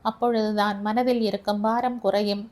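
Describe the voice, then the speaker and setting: A woman voicing a caring young man who speaks softly and coaxingly in an audio story. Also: medium pitch, level tone, moderate pace, close to an everyday voice. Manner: soft, coaxing.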